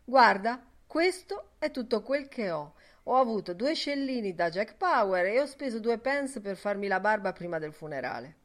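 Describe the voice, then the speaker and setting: A woman voicing a middle-aged, quick-tempered and sarcastic Irish father in an audiobook, with loud, mocking outbursts. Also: mid-range voice, very animated, voice pushed up, close to an everyday voice. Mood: sly.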